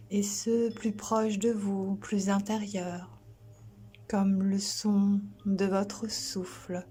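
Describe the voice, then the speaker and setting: A yoga instructor, a woman, guides a sleep relaxation in a soothing, gentle way. Her medium-pitched voice is soft and breathy, often close to a whisper, with long pauses and slight background noise behind it.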